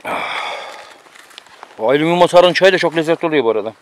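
This is a man with a fairly high voice, recorded outdoors on a mountain through a camera microphone. He keeps up a casual, bossy running commentary. He teases and instructs the friend cooking beside him. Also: animated, fast, slight background noise.

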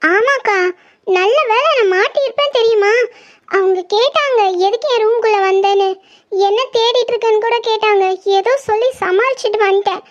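A woman's voice: very high-pitched, normal speed, voice pushed up. A woman voicing a timid young girl in a cartoon who stammers and pleads after being caught snooping. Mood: anxious. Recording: slightly dull lo-fi audio.

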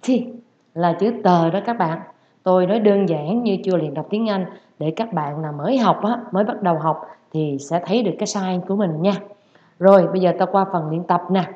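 A woman's voice: on the low side, brisk, warm tone. A woman who speaks Vietnamese as her first language, teaching English pronunciation and repeating each sound and word several times. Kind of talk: pronunciation lesson with drills. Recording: roomy, dull lo-fi sound.

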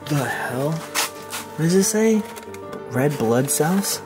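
A young man in his twenties hosting an exploration vlog inside a dark abandoned hospital, talking excitedly and exclaiming at what he finds, recorded on a handheld camera mic. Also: on the high side, extremely slow, over music. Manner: excitable, exclaiming, swearing casually. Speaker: urban explorer host.

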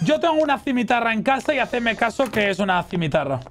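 Excitable man shrieking through a horror game. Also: extremely high pitch, fast, slight background noise. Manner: excitable, swears and shrieks at scares, talks to chat. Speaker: gaming streamer. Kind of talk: casual let's-play commentary.

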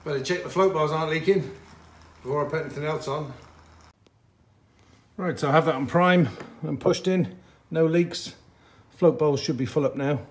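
A man's voice: fairly high pitch, moderate pace. A man vlogging a motorcycle repair in his garage, thinking aloud and getting frustrated as he works. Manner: frustrated, muttering thoughts aloud. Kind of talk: talking to camera while working on a bike.

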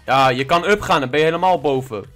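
A man chatting over a game session, giving orders and teasing the others in loud, boastful banter. His voice sits a little above the usual pitch for a man. Music plays clearly behind him throughout. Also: fast talker. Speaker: gaming channel host. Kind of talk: casual gaming chat. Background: background music.

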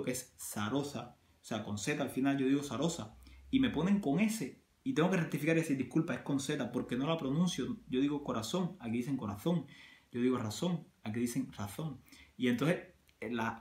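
Cuban-accented man, casual vlogger, roomy echoey sound, mid-range pitch, chatty with lots of examples. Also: darkish tone. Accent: Cuban Spanish. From Cuba. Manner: conversational, many restarts and examples. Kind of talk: casual talk to camera.

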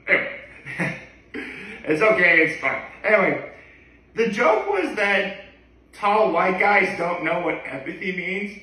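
A man's voice: high-pitched, very animated, takes it slowly, pauses often, sharp tone. A man in his thirties talking casually to camera in a hesitant, digressive way, often backtracking. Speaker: daily video blogger. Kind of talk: casual rambling vlog to camera. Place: living room, indoors. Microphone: camera a few feet away. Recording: echoey room, distant microphone.

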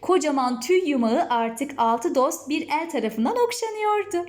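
A woman reading a children's story aloud in a lively, expressive storytelling manner. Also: high-pitched, normal speed.

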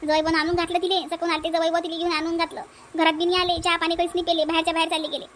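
A woman's voice: very high-pitched, flat delivery, rapid-fire, fairly bright tone, a little hiss or hum. A woman voicing a stubborn, scolding village mother in a cartoon dub, with a Varhadi Marathi accent. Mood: complaining. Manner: scolding, repetitive. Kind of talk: cartoon dubbing.

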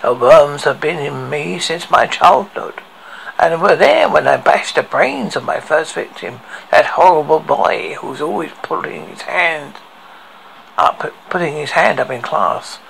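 A man as a deranged horror-story killer, heavy fry, slow halting theatrical pace, tormented, faintly noisy home recording. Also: on the high side, expressive, fairly bright tone, full character voice. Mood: menacing. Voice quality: heavily creaky, gravelly. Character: deranged male killer tormented by worms in his head. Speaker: horror host. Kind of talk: dramatic horror story recital.

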